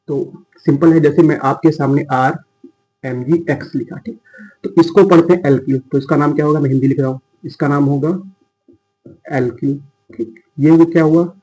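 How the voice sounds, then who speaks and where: A man's voice: on the high side, mellow, poor audio. A man teaching chemistry in a casual, chatty lecture style, talking to students as he writes.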